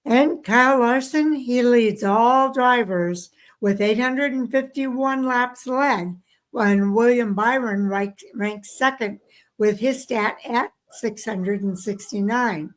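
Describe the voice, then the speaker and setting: A tired, yawning woman with a Southern American accent reads racing statistics during casual chat as a podcast co-host. Her voice is fairly high and her pace slow.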